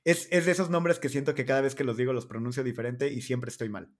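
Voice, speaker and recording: A man's voice: medium pitch, steady tone, fast. A young man, co-hosting a casual podcast, playful and rambling with hesitant restarts. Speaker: podcast co-host. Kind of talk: casual chat.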